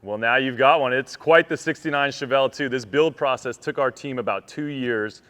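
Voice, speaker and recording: A man's voice: mid-range voice, moderate pace, fairly bright tone. A man hosting a live phone call to tell a winner about her prize, talking in an upbeat, enthusiastic way. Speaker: host calling a prize winner.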